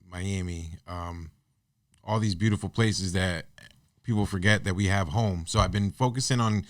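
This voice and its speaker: A man's voice: low voice, normal speed, dry recording, clean studio sound. A man in his thirties, a guest on a podcast, talking in a casual, earnest and reflective way with loose restarts. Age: 30s. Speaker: podcast guest, artist and business owner. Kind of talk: casual interview chat.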